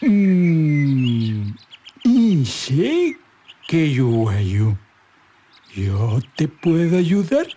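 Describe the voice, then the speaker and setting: A storyteller voicing a scheming old female ibis bird, talking in a low, coaxing way. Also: very animated, extremely slow, long pauses, warm tone, slight background noise.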